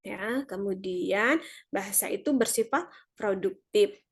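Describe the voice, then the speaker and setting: Dosen perempuan menjelaskan sambil ragu-ragu. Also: female voice, mid-range voice, unhurried, slightly rough. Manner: explanatory, many filler hesitations. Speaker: university lecturer. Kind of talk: online lecture.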